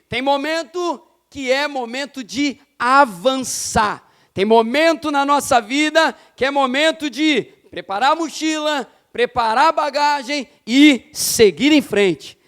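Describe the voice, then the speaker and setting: High-pitched guy preaching in church, gets loud and fired up then slows way down. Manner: impassioned, rising to shouts and slowing for emphasis. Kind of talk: evening church sermon. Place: church sanctuary.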